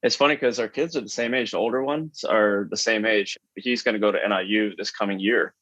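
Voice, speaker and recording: A man speaking as a podcast guest over a video call through wireless earbuds, with muffled lo-fi audio, chatty and relaxed with many fillers. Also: lowish voice, brisk, no echo. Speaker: podcast guest, business owner. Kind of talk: casual conversation. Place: his taproom. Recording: dull lo-fi remote call line.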